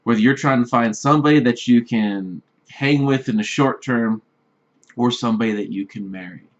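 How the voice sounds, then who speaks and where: A man's voice: mid-range voice, moderate pace. A man giving blunt, repetitive dating advice straight to the camera, often checking in with "right?". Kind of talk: direct-address advice vlog. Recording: slightly dull lo-fi recording.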